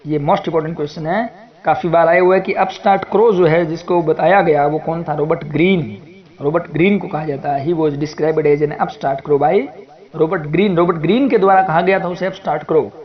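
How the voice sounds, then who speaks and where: A male tutor with an Indian accent steps through literature exam questions one at a time. He reads each question out slowly in English, then rattles off a fast explanation in Hindi. His voice sits a little high, and the recording sounds dull and lo-fi. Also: fairly even intonation. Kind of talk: exam prep lecture.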